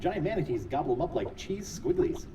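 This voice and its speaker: A man's voice: fairly high pitch, sing-song, brisk, distant mic, background noise. An actor playing a wry, quippy young would-be pirate hero in a video game, his voice run through a muffled underwater filter. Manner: wry, joking asides. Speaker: game character.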